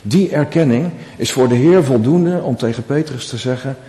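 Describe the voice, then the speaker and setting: A man preaches a sermon in a warm, mellow voice, earnest and animated. His voice rings through a reverberant church hall with a long echo. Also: mid-range voice, normal speed. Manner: earnest, acts out quoted dialogue with rising emphasis.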